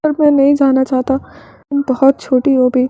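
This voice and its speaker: A woman's voice: high voice, flat delivery, no room sound, highs cut off, natural voice. Woman voicing a choked, protective older brother. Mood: anguished. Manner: soft, halting, choked.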